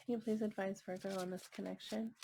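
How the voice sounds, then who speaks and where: A woman giving a casual tarot reading in a gentle, musing way. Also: mid-range voice, level tone, fast, gravelly, slight background noise. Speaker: tarot reader.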